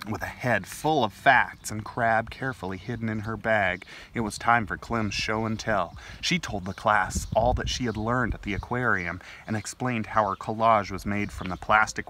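Outdoors in a leafy garden, a man in his thirties with a fairly low voice hosts library storytime for young children. He reads aloud and chats in an animated, gentle, expressive way, with outdoor background noise audible.

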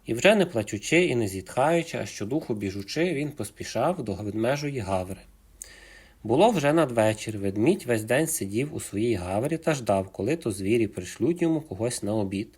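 A man narrating a folk fairy tale for children in an expressive storytelling manner. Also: mid-range voice, normal speed, husky.

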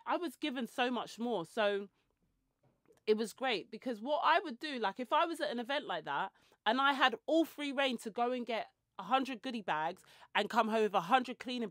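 A woman in her forties hosts a podcast, chatting casually into a handheld mic held close, drifting into tangents and self-mocking asides. Her voice is a little high with a fairly bright tone. She's in a small indoor room with shelves and clothes rails, and the recording is dry and studio quality.

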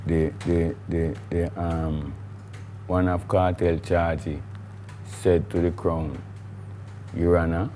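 A man's voice: sits low, little pitch movement, slow pace, pauses often, warm tone, a little hiss or hum. A middle-aged man with a Jamaican accent, a guest in a studio interview, talking in a rambling, emphatic way with patois phrasing. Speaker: guest, recording artiste.

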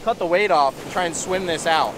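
A man in his thirties casually narrating on camera as he fishes from a beach, explaining each step and getting excited when fish bite. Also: on the high side, a little fast. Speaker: fishing vlogger. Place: sandy beach outdoors by the surf. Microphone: action camera, head-mounted and handheld. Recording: outdoor beach audio with loud surf and wind. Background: crashing waves and wind.

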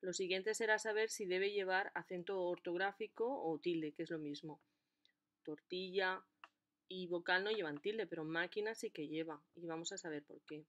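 A woman explaining a lesson in a clear, deliberate way, stressing the syllables of her examples. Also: lowish voice, dull audio. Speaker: language teacher.

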